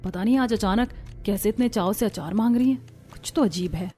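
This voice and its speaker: A woman voicing a caring young daughter-in-law in an animated cartoon, speaking politely and eagerly. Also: mid-range voice, brisk, faint music behind, natural voice.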